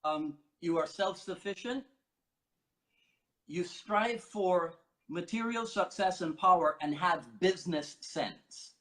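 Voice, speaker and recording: A man's voice: high voice, animated, slow pace, sharp tone, low-quality recording. A man from Barbados hosting a martial arts interview show, asking questions casually with a playful, teasing manner. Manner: playful and teasing, reads notes aloud. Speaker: podcast host.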